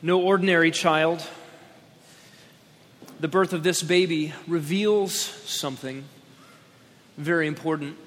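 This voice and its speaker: Man, pastor, preaching at a pulpit microphone, emphatic, drawn-out key words, lingering hall echo. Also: fairly high pitch, fairly even intonation, a bit bright. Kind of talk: sermon. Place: church sanctuary, speaking at a pulpit microphone. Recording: long church-hall reverb.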